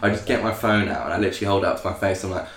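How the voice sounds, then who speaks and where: A man's voice: low voice, steady tone, rapid-fire, echoey room. A young man telling a story in casual podcast chat, rambling with lots of fillers and acting out other people's lines. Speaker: podcast co-host.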